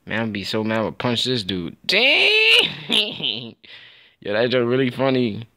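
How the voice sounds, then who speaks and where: A young man giving casual, excitable gameplay commentary, trash-talking and laughing as he plays. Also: on the low side, a little fast. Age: young adult. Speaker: gaming YouTuber.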